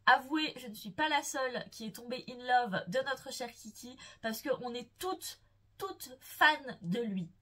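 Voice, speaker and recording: A woman's voice: fairly high pitch, lively intonation, a little slow, sharp tone. Gushing young woman talking books. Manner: gushing, playful, swooning over characters. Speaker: book vlogger. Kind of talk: casual enthusiastic book chat.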